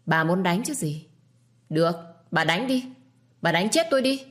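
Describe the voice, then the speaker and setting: A woman's voice: fairly low pitch, expressive, fairly quick, natural voice. A woman voicing a spiteful, scheming young wife who sneers and defies her family. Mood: defiant. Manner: sneering and defiant.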